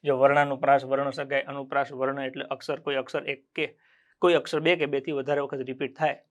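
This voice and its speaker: A man's voice: mid-range voice, flat delivery, fast. A man with a Gujarati accent teaching an exam-prep grammar class. He asks the class questions and answers them himself, repeating key terms so they stick.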